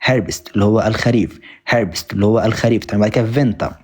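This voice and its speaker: Fast-talking Egyptian man drilling German words. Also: on the low side, darkish tone, breathy edge. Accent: Egyptian Arabic. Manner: repetitive drilling, thanks viewers often. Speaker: German teacher. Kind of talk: live-stream language lesson.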